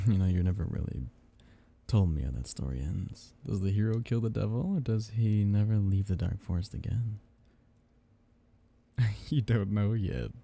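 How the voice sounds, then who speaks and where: A man voices a possessive but tender vampire count for an intimate ASMR roleplay, using low, exaggerated, husky and gravelly tones in soft, teasing murmurs.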